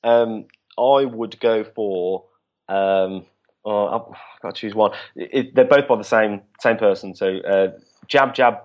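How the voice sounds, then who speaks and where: A man talking casually as a podcast guest, halting with many restarts and fillers. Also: fairly low pitch, lo-fi sound. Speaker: guest, business co-founder.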